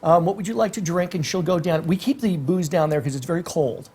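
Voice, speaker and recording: A man's voice: a little high, brisk, background noise. A man hosting a casual interview show, effusive and rambling as he introduces and questions his guest. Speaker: talk show host.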